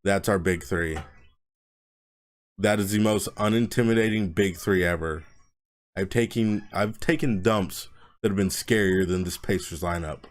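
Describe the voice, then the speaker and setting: A man's voice: deep voice, measured pace. A father venting in a casual sports rant, blunt and mocking as he rambles from one gripe to the next. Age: adult father. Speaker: sports vlogger.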